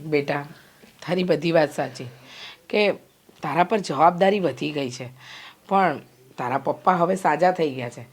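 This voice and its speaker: A woman's voice: deep voice, a little slow, long pauses. A middle-aged woman playing a worried mother who scolds and fusses over her daughter in a short film drama. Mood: complaining. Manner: fretful, nagging, complaining.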